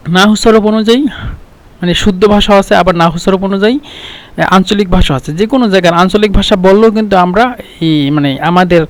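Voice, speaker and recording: High-voiced man teaching a language lesson. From Bangladesh. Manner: explains slowly with many fillers and repeated examples. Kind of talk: casual spoken lesson.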